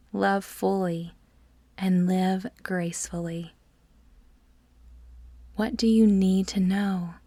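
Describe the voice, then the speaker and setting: A woman with a mid-range voice leads a guided meditation in a soft, breathy near-whisper. She is soothing and measured, with deliberate pauses between phrases, and the recording has no echo.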